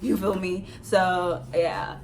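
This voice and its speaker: Woman beauty vlogger, casual unboxing chat, unhurried and excitable, a bit off-mic with faint room hum. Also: on the low side, far from the mic. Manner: excitable, chatty, talks straight to viewers.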